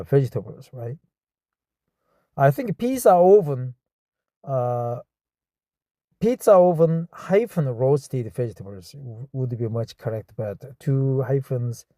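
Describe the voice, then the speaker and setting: A man's voice: mid-range voice, warm tone, no room sound. A man from Korea with a Korean accent reads a text aloud in English and stops to comment and practice words again and again. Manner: slow, repeats and practices words. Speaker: reader studying English.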